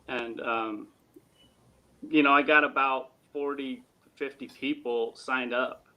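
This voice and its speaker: A man talking as a guest in a casual interview, earnest and animated, with sports analogies. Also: mid-range voice, slow pace, lo-fi sound.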